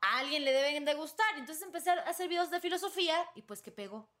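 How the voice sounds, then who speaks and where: A woman's voice: high voice, expressive, fast talker, a bit bright. Chatty young woman from Venezuela. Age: 20s. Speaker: guest. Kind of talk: casual podcast chat.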